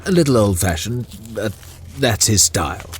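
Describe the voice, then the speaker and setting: Fairly low-pitched and animated at normal speed, this male actor voices a playful, teasing chamberlain, a witty courtier who laughs often and stays wry. The audio drama performance sounds close to an everyday voice, with slight background noise.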